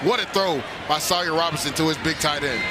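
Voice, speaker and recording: A man's voice: a little high, brisk, very noisy. An American man giving live football analysis as color commentator, in emphatic, punchy phrases. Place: broadcast booth at a stadium.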